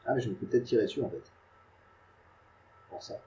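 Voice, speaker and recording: Laid-back gamer, mellow low voice. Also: male voice, fairly quick, highs cut off. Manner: chatty, self-mocking, mutters to himself. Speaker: gaming YouTuber. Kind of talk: casual gameplay commentary.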